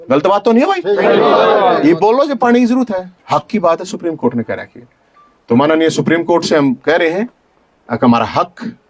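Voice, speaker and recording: Haryanvi-accented male activist, high-pitched, forceful rally speech, call-and-response. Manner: fiery, rhetorical, shouts repeated questions at the crowd. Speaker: activist leader speaking to supporters. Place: outdoor protest tent.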